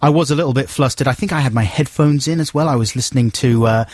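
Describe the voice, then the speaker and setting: A man's voice: medium pitch, fast, darkish tone, dry recording. A man co-hosting a radio show, rambling and self-mocking in casual chat. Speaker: radio co-host. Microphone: studio mic. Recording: dry studio sound.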